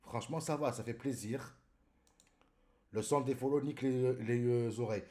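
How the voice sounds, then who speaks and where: A man's voice: mid-range voice, normal speed, dark tone. Chatty male streamer greeting his viewers. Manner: chatty, greets viewers by name and calls them brother. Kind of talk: casual live-stream chat.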